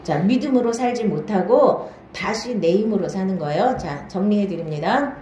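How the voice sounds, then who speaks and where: A woman pastor speaks with a medium-pitched, mellow voice, lively intonation and a moderate pace, against slight background noise. Her Bible-study sermon in a church hall is full of questions to the listeners and checks that they follow, each new point signaled by a short "now then".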